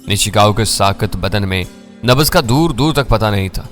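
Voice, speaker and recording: A man reading a first-person thriller story in a measured, dramatic way. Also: lowish voice, lively intonation, a bit bright, faint music behind.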